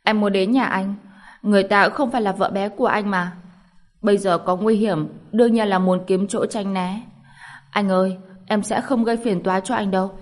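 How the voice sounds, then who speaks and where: A woman's voice: medium pitch, steady tone, moderate pace, natural voice. A woman voicing a spoiled, playful young girl who is clingy and sly, with a whiny pleading tone. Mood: coaxing.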